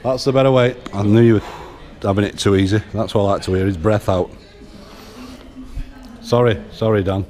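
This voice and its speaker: A man's voice: fairly low pitch, fairly even intonation, normal speed, pauses often, darkish tone. A man with a northern English accent coaching in a large gym, barking short commands and counting reps. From England. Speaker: gym coach filming a workout. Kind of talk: coaching during a workout. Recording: music playing over the gym.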